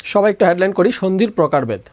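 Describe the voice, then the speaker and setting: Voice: medium pitch, animated, fast, darkish tone. A teacher leading a live online grammar class, repeating each question and then answering it. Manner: drills by asking a question, then answering it, many times over.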